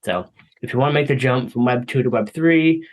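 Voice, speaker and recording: A man's voice: medium pitch, brisk. A man in his thirties hosting a podcast interview, chatting in a friendly, upbeat, rambling way over a video call. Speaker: podcast host. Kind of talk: casual interview chat.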